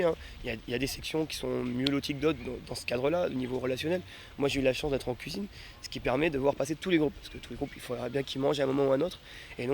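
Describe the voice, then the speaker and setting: A man's voice: mid-range voice, creaky, a little hiss or hum. A man in his twenties, a festival volunteer, answering interview questions with hesitant fillers. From France. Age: 20s.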